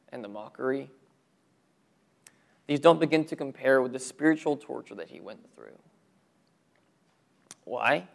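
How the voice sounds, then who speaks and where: A man preaching a sermon to his church, earnest, with rhetorical questions and drops to a low voice for emphasis. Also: vocal fry. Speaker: pastor.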